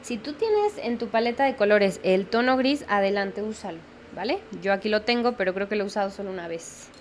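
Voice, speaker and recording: A woman's voice: medium pitch, lively intonation, brisk, slight background noise. A young woman teaching a step-by-step watercolor lesson, patiently explaining and often checking in with the viewer. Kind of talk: step-by-step painting tutorial.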